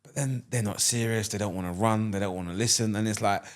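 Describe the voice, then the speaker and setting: A man's voice: lowish voice, fast talker. A man, hosting a casual podcast interview, asking questions and reacting with laughs. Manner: animated, laughs, sometimes shouts in excitement. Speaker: podcast host.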